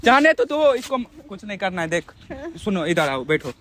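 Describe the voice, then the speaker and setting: A man's voice: high-pitched, very animated, normal speed, fairly bright tone, slight background noise. A young man vlogging a prank, arguing casually and pushing others around with repeated commands. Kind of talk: heated casual argument.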